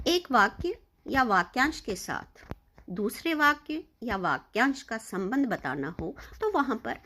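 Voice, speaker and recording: A woman teaching children, taking her time and explaining each point patiently. Her voice sits a little high and moves up and down with a lot of life as she stresses her example sentences. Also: bright, forceful tone, husky. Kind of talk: lesson for children.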